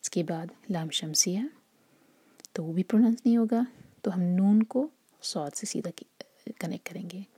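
A woman teaching Quran recitation rules, speaking softly and patiently, often in a half whisper, slowly sounding out example words. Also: lowish voice, husky, dry recording. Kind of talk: tajweed lesson with slow recitation examples.

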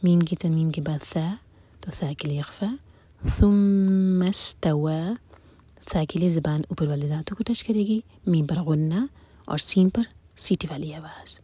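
Breathy soft-spoken woman teaching recitation. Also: low-pitched, dry recording. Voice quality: often whispery, breathy delivery. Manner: alternates slow drawn-out recitation with quick soft explanations. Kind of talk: tajweed lesson, recite and explain.

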